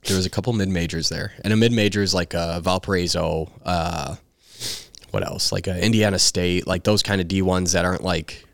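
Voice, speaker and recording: A young man with a very low voice tells his baseball story in a loose, profane, animated way. The sound is dry and close, with no room around it. He jumps into the other people's voices as he goes. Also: brisk, creaky, dry recording. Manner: animated, swears freely, acts out quoted voices. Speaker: guest, baseball player. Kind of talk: casual storytelling chat.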